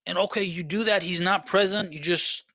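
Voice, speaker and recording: Bright-voiced man giving a religious lecture. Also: fairly even intonation, moderate pace, dry recording. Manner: conversational, rhetorical questions, frequent "okay?"; swings between soft low asides and raised emphatic passages. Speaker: Islamic lecturer.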